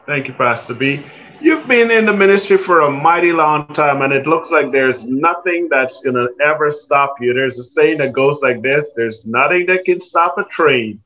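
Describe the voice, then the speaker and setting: A man's voice: a little high, animated, normal speed, slight background noise. A man hosting an interview, polite and encouraging, giving brief affirmations before his questions. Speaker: interview host. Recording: dull, lo-fi sound.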